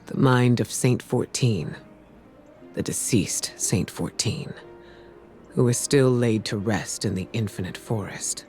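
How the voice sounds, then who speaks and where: Serious mentor type, slow and solemn, game cutscene, soft music behind. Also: male voice, lowish voice. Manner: measured, solemn. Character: grave male mentor figure, measured and serious.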